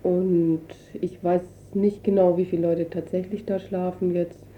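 A woman with a fairly low voice and little pitch movement speaks at a measured pace. She is a refugee council representative giving spontaneous, colloquial interview explanations, hesitating as she searches for words. The radio recording sounds dull, lo-fi and noisy.

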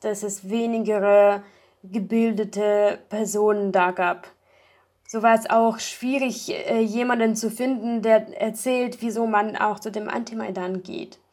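A woman talking thoughtfully about a project in an interview, pausing often with fillers. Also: a little high, a little mellow. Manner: thoughtful, hesitant with many fillers. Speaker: project member. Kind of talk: casual interview talk.

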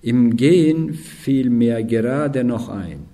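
A man reading a first-person memoir aloud in a calm, measured way, with occasional slips and restarts. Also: mid-range voice.

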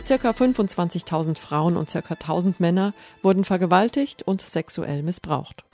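A woman's voice: fairly low pitch, normal speed, mellow, soft background music. A woman reading a scripted radio documentary narration in a sober, serious manner. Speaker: feature narrator.

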